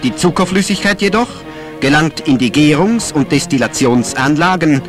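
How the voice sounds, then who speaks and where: A man's voice: on the high side, normal speed. A man narrating an old newsreel in a declamatory announcer style, played from an archive soundtrack. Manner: lively, declamatory announcer delivery. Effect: old newsreel soundtrack with music behind. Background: music.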